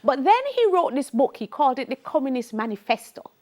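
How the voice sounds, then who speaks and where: A woman's voice: high voice, big pitch swings, fairly quick, a little mellow. A middle-aged woman with a Jamaican accent teaching a televised sociology lesson, emphatic and repeating key points, slipping into Creole phrases.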